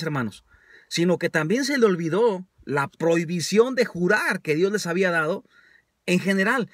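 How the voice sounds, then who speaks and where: A man preaching a conversational sermon in Spanish, calling his listeners brothers and often pausing with hesitations. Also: high-pitched, no echo, studio quality. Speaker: pastor.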